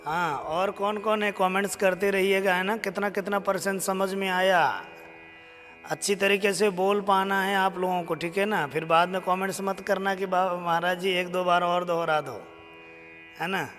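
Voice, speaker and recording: A man with a high voice leads a slow lesson in chanting a devotional hymn. He sings each line and then gently urges listeners to repeat it. A long reverb and faint music hang behind him. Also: fairly even intonation. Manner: chants verses slowly, then coaxes viewers to repeat. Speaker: stotra recitation teacher. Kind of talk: live stream chanting lesson.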